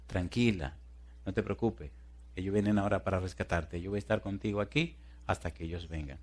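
A man voicing a calm, gentle firefighter who speaks softly and soothingly, acted within a sermon. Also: unhurried. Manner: soft, soothing, low-key.

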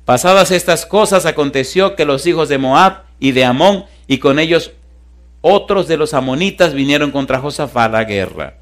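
A man preaching from the pulpit as pastor. He swings between booming questions to the congregation and soft, hushed storytelling in a church sanctuary. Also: moderate pace. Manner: animated preaching, shifts from loud calls to hushed storytelling. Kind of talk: sermon.

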